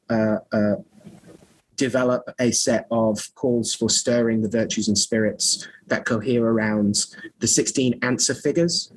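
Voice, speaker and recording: On a low-quality recording, a man with a mid-range voice answers questions as a guest on a podcast. An author and scholar of magic, he meanders through this conversational interview, full of filler words, false starts and jokes at his own expense.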